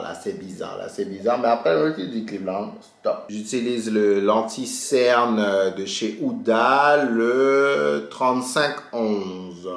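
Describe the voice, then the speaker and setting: A man telling a story in a casual chatty way while doing his makeup, acting out dialogue with big jumps in his voice. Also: echoey room. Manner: animated, re-enacts dialogue with big pitch jumps. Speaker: beauty vlogger.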